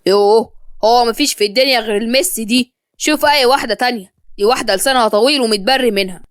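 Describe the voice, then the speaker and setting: A woman's voice: a little high, fast, smooth, no room sound, clean studio sound, lightly acted. A woman voicing a cold, arrogant wealthy father with an Egyptian accent, speaking scornfully. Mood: irritated. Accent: Egyptian Arabic. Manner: scornful, mocking.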